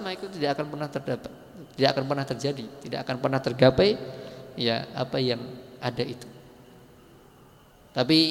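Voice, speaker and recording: A male preacher giving a storytelling sermon, rising to emphatic peaks and dropping soft for quoted speech. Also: medium pitch. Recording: long hall reverb.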